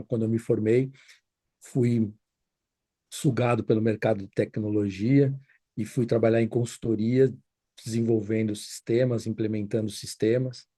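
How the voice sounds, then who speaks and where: Dark-voiced man in his fifties. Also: lowish voice, dry recording. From Brazil. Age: 50s. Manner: thoughtful, many fillers and restarts. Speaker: guest, consultant. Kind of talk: reflective interview answers.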